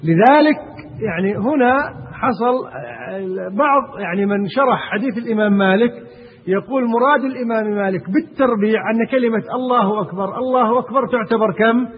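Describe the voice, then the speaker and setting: A man's voice: high voice, slight background noise. A man teaching a class on Islamic jurisprudence, often asking his students questions as he explains. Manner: asks the class questions, often pausing on "eesh?". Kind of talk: classroom lesson on a text. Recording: tinny phone-like recording, long hall reverb.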